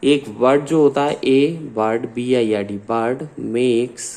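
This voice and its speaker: With a medium pitch and a darkish tone, this man speaks in an Indian accent as a science teacher dictating notes. He goes slowly, blends Hindi and English, and spells out words one letter at a time.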